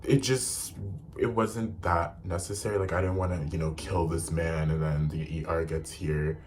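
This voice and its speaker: A young man telling a personal story in a vlog, animated and profane, packing his sentences with "like.". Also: low voice, moderate pace, a little hiss or hum. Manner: animated and profane, heavy use of "like". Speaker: vlogger.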